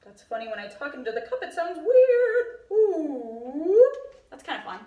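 A woman's voice: high-pitched, very animated, a little slow, reverberant. A woman music teacher speaking into a cup, so her voice sounds hollow and muffled, encouraging her young students. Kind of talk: video lesson for children.

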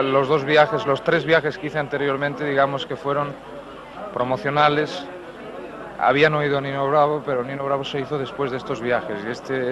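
A young Spanish singer with a mid-range voice answers press questions in a relaxed, measured way, dropping in some fillers. The interviewer holds a handheld mic, first in a recording studio and later outdoors at an airport. The sound is muffled, like 1970s TV film.

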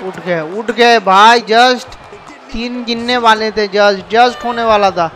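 A man giving excited, casual commentary over a wrestling video game and often shouting. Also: high-pitched, takes it slowly, soft background music. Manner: excitable, shouts often, calls people bhai. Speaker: gameplay commentator. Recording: noisy background with crowd sounds. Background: video game arena crowd and noise.

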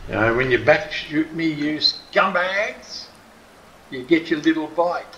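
Aussie guy grumbling over his game, gravelly, roomy echo with a faint hiss behind. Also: a little high, expressive, unhurried, pushed and bright, highs cut off. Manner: muttering to himself, dry grumbling. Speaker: gameplay commentator. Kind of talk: casual gameplay commentary.

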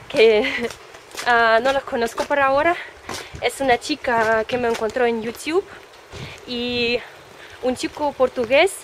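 A woman, a vlog host chatting casually outdoors with friends and laughing often. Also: high voice. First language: Russian. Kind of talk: casual chat. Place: city street outdoors. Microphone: handheld camera at arm's length. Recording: street noise behind.

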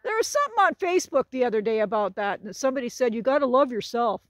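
A woman in her sixties talks fast and expressively in a fairly high voice, vlogging on a hilltop trail hike with a group while holding her phone. She's chatty and jokey, laughing often, and the recording sounds dry and studio-quality.

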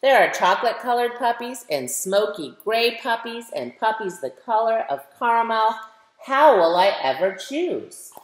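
This fifty-year-old woman, a children's author, performs a picture book at home, speaking straight to kids with questions and emphasis. She sounds a little high and very animated, at a normal speed. Her living room gives the webcam audio a roomy echo.

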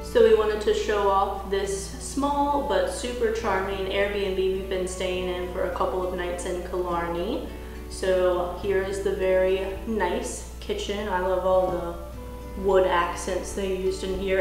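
A woman's voice: medium pitch, fairly even intonation. Woman giving an echoey house tour. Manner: slow, descriptive, upbeat tour-guide delivery. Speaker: travel vlog co-host. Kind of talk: home tour narration. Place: indoors in a small holiday rental house. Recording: echoey rooms with background music.

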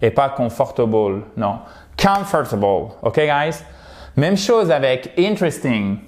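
A French-speaking man teaching English pronunciation in an online lesson, lively and coaching, modeling words by repeating them. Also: on the high side, unhurried.

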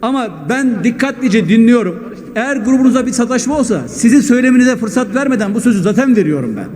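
Guy chairing parliament, talks fast and insistent, repeats himself, super echoey hall. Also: extremely high pitch, lively intonation, a little mellow. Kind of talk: procedural remarks from the chair. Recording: very echoey reverberant chamber.

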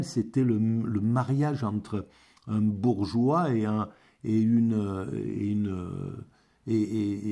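Halting, mellow-voiced French man musing. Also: fairly low pitch, husky. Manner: halting, many repeated words and restarts. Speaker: amateur philosophy vlogger. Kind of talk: rambling spoken monologue.

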